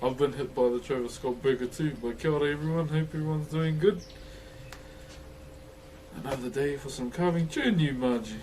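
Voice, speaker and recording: A man's voice: mid-range voice, normal speed, darkish tone. A man with a broad New Zealand accent chatting casually on a livestream in a laid-back, chummy, slangy way. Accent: broad Kiwi. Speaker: livestreamer greeting viewers. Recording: noticeable background noise.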